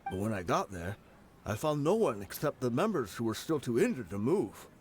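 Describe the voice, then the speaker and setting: A man's voice: medium pitch, sing-song, moderate pace, slight background noise, lightly acted. An actor playing a defeated male desert mercenary in a video game, wry and resigned, talking expressively. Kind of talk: scripted game dialogue.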